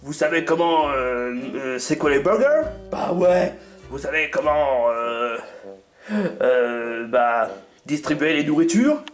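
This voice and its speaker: A woman voicing a scheming, bossy male fast-food boss in an amateur cartoon dub, halting and full of hesitations. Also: low-pitched, soft background music, voice pushed down. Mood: questioning.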